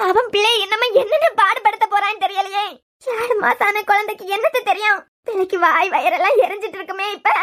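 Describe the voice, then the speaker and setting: A very high-pitched, fast-wailing cartoon grandmother with a Kanyakumari Tamil lilt, as a woman puts her on. She laments and pleads in a rapid, shrill rush. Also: fairly bright tone. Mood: pleading. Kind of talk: cartoon serial voice acting.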